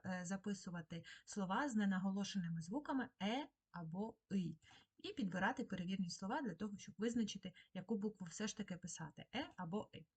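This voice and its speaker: Woman teacher, husky voice, patient and slow, giving a recorded lesson to young pupils. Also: mid-range voice, darkish tone. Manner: slow, patient dictation to children. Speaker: primary school teacher. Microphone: screen-recorded lesson.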